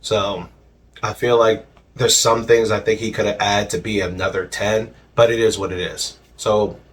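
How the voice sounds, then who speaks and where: A man co-hosting a casual podcast, cracking crude jokes and laughing loudly. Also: on the low side, flat delivery, normal speed. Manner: crude joker, loud laughs. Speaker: podcast co-host. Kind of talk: casual podcast reaction chat.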